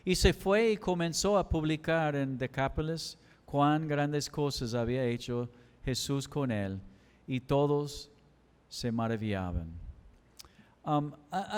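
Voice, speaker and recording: A man's voice: a little high, lively intonation, a little slow, clean tone. A male pastor, preaching a sermon with emphatic, repetitive cadence. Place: church chapel. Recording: echoey church hall.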